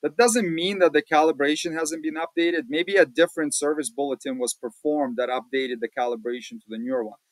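A man hosting a casual screen-share walkthrough, talking in a relaxed, plain-spoken way with many fillers, recorded at a home desk. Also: a little high, a little fast, hardly any pauses, dry recording, poor audio. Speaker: automotive channel host.

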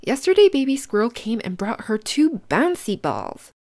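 Hosting a children's read-aloud, this woman speaks with a fairly high, darkish voice full of huge pitch swings at a moderate pace. Her phrasing stays simple and instructive, with questions aimed at the kids.

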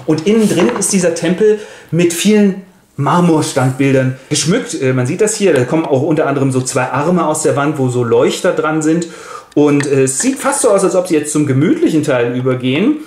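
Wry man narrating casually, fairly high voice. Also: expressive, brisk, darkish tone. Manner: casual, colloquial, wry asides. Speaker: narrator retelling a classic novella. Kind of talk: comic literature summary. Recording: roomy echo.

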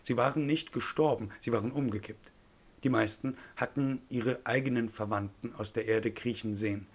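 Male audiobook narrator, measured storytelling, lowish voice.

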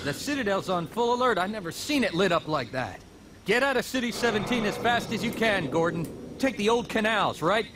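High male voice, friendly guard ally, urgent, encouraging, video game dialogue, noisy ambience. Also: animated, brisk. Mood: urgent, helpful.

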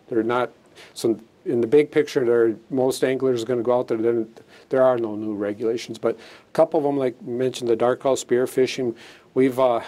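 This middle-aged man, a fisheries chief, gives a matter-of-fact studio interview explaining new rules, with frequent fillers and restarts. His mid-range voice sounds mellow, captured on a lapel mic indoors on a studio set.

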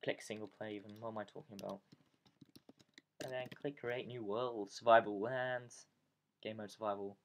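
A man's voice: fairly low pitch, steady tone, normal speed, pauses often. A man hosting casual let's play commentary from his bedroom, rambling and self-mocking, often dropping to a whisper. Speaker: gaming channel host. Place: bedroom at home. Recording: noisy home recording.

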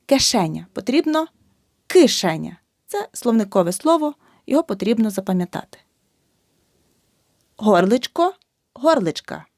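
A woman teacher slowly drilling spelling, saying words one by one with emphasis. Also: medium pitch, sing-song, a little mellow, no room sound, studio quality. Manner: slow, emphatic word-by-word dictation. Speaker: language teacher.

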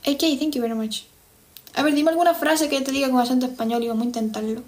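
A woman's voice: high voice, fairly even intonation, quick pace, darkish tone. A young Cuban woman with a Cuban Spanish accent, chatting casually on a livestream and answering viewers' comments. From Cuba. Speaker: livestream host. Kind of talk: casual live-stream chat with viewers.

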